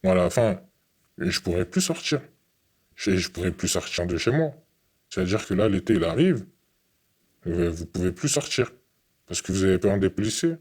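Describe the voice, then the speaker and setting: A young man from France giving an earnest, halting interview testimony, often repeating his words. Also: deep voice, sing-song, darkish tone, breathy edge.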